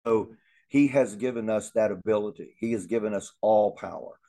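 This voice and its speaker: A man's voice: fairly low pitch, fairly even intonation, moderate pace, dark tone. A man teaching a Bible lesson in an earnest way, often repeating words as he thinks aloud.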